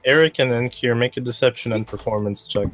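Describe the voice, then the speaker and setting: A man's voice: medium pitch, fairly quick, a crowd in the background. A man running a tabletop game as dungeon master, talking in a laid-back way and swearing freely. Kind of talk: casual tabletop game narration.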